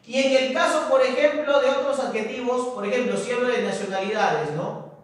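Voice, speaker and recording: A high-voiced male teacher gives a classroom grammar lecture, constantly checking understanding with tag questions and repeating key words slowly for emphasis. He's recorded in a very echoey room from a distant mic.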